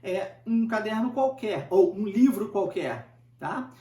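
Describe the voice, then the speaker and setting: A man's voice: high voice, lively intonation, takes it slowly, mellow. A man giving an informal English lesson, talking conversationally, repeating points and checking in with rhetorical questions. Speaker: English teacher. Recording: roomy, distant from the mic.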